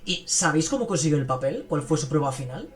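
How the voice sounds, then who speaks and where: This podcast host has a fairly high, expressive voice and talks fast. He chats casually about films with plenty of enthusiasm, rambling and filling his speech with frequent fillers.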